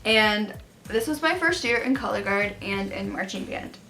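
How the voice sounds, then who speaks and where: A woman's voice: mid-range voice, expressive, normal speed, bright, forceful tone, faint music behind, rough recording. A young adult woman casually telling personal stories to camera in a chatty, gossipy, emphatic way. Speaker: storytime vlogger. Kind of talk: casual confessional storytelling to camera.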